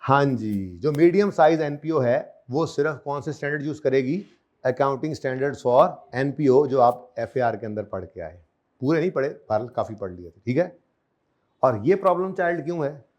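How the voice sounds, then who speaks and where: A man's voice: mid-range voice, expressive, normal speed, a little mellow. A man lecturing on accounting to a class, repeating key terms over and over and quizzing his students. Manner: drills terms by repetition, asks students questions.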